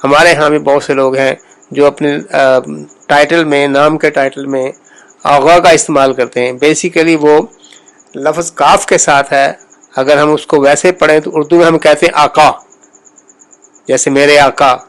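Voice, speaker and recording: A man giving a spoken lesson on pronunciation, explaining in a measured way, repeating sounds and pausing often. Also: a little high, fairly even intonation. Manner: measured, explains slowly with repetitions and pauses. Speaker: language teacher.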